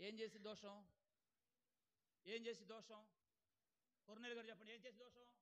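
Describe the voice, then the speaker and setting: High-voiced pastor preaching to his congregation. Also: bright, forceful tone. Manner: calls on the congregation to answer aloud; keeps asking "ఏమండి?". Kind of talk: sermon.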